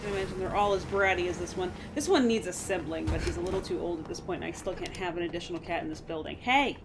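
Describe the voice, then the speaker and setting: A woman's voice: fairly low pitch, very fast, background noise. A woman chatting playfully on a home game stream, talking about her cat. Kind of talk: casual live-stream chat.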